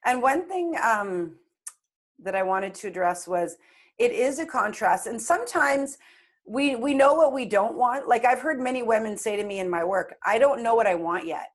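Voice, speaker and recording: A woman's voice: on the high side, lively intonation, normal speed. A woman in her late forties, a coach, talking earnestly and reflectively in a casual interview. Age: 40s. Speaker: guest coach.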